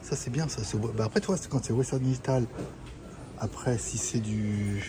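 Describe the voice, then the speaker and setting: A man's voice: medium pitch, moderate pace. A man vlogging casually while walking through an electronics market, rambling, laughing often and swearing. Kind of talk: casual walk-and-talk vlog. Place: busy electronics market, indoors. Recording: noisy market ambience.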